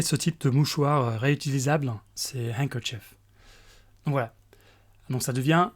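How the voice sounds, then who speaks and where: Male English teacher, unhurried explanatory delivery. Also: medium pitch. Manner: slow, explains pronunciation step by step, fillers. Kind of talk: recorded grammar lesson.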